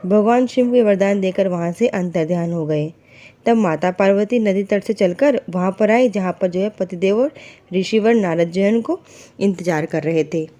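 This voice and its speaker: A woman's voice: mid-range voice, warm tone, highs cut off. A woman retelling a devotional story in a casual, conversational way, asking and answering her own questions, with fillers and self-corrections as she goes.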